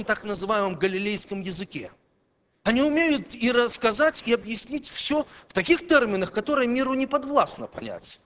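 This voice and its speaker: A man preaches a sermon to a congregation with emphatic delivery. He swings between loud declarations and quiet, low passages, his volume rising and dropping.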